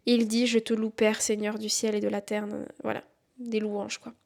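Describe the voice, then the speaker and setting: A woman's voice: mid-range voice, level tone, moderate pace, vocal fry. A young woman hosting a podcast on faith, talking earnestly and encouragingly and reading verses aloud. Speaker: podcast host.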